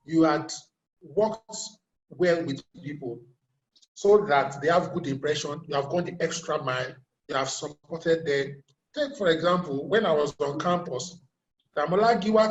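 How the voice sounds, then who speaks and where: A man's voice: high voice, reverberant, poor audio. A middle-aged Nigerian man giving a career talk, telling stories and asking his audience rhetorical questions. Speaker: motivational speaker.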